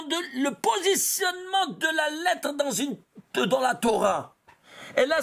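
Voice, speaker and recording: A man's voice: vocal fry, a bit bright. A man, a rabbi, giving a Kabbalah lesson, pointing out diagrams and asking rhetorical questions that he answers himself. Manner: keeps saying "alors" and "vous voyez" to the class; pitch and pace jump around a lot, now slow and stressed, now rushed. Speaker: rabbi teaching Torah. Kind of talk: Kabbalah lesson explaining diagrams and letter numbers.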